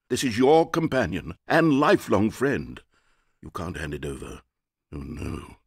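A sardonic, condescending storybook narrator, who lays on dry mockery with a slightly husky, low voice. His pitch swoops widely from phrase to phrase, and the close, dead-dry studio sound puts him right in the listener's ear. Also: no echo, exaggerated voice. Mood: mock dramatic. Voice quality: dry, mocking delivery. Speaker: game narrator. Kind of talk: scripted video game narration.

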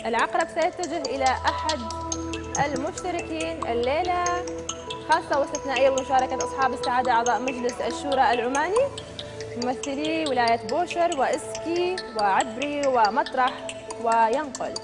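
A woman hosting a televised quiz show from a studio, reading out questions and answer options crisply and upbeat. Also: high-pitched, a little fast. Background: show music.

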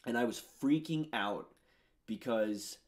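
A man in his thirties discusses his own album from a purple-lit home studio, chatting casually and rambling with plenty of fillers and enthusiasm. He speaks slowly in a medium pitch.

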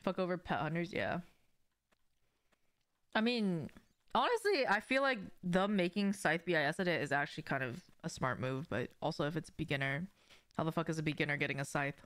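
A young adult woman streams a game from a small home room with shelves, chatting casually with viewers in an informal, slangy way and swearing often. Her voice sits low but is expressive and fairly bright, and she talks a little fast.

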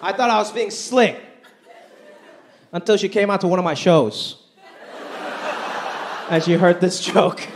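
On a big theater stage with a live crowd, a thirtysomething comedian from Hong Kong works a handheld mic, unhurried and pausing often, animated and shifting his pitch for punchlines. Faint audience and room noise are audible in this live recording.

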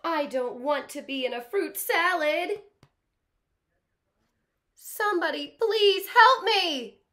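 A woman acts out an excitable crocodile from a picture book. The voice is high and dramatic, given to exclamations and long drawn-out words, as a watermelon-loving little worrier. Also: full character voice. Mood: alarmed, panicking. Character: excitable, panicky young male crocodile who loves watermelon. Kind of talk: children's storybook read-aloud.

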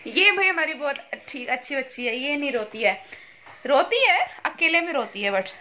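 High-voiced young woman teasing family. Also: expressive, moderate pace, pushed and bright, a little hiss or hum. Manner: playful, teasing, laughs often. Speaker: vlogger. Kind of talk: casual family vlog chat. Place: crowded family home, indoors. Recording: family chatter behind.

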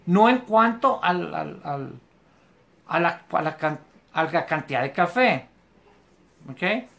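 An English teacher, giving a live online class from a home bedroom and patiently repeating English examples slowly and carefully. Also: mid-range voice, expressive, vocal fry, a bit bright.

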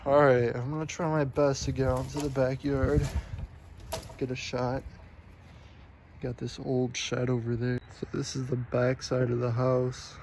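Man, urban explorer, low-key curious commentary, slow pace, mellow tone. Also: little pitch movement, slight background noise, poor audio. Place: abandoned farmhouse and yard, indoors and out. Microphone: handheld phone camera.

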